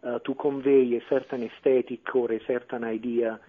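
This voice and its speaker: A man's voice: mid-range voice, flat delivery, moderate pace. A man, a clarinetist and composer, answering radio interview questions with many fillers and restarts. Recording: phone-line radio audio.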